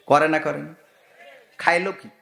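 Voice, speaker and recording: A man, delivering a loud, sing-song waz sermon full of rhetorical questions. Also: a little high, fairly even intonation, measured pace, gravelly. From Bangladesh. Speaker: Islamic preacher.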